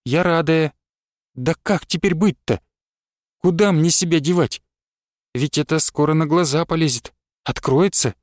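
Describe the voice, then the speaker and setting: A man's voice: on the high side, measured pace, long pauses, natural voice. A man reading aloud and voicing a young village wife who pleads and cries out in anguish. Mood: anxious. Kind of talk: audiobook character reading.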